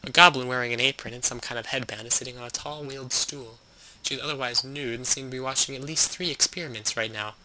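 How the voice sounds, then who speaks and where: A young man hosting a game playthrough, reading on-screen text aloud with sarcastic, deadpan asides. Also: mid-range voice, fast, rough recording. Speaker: let's play host.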